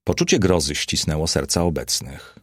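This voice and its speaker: A man narrating a historical novel as an audiobook, reading in a measured, even way. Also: a bass voice, dry recording, clean studio sound.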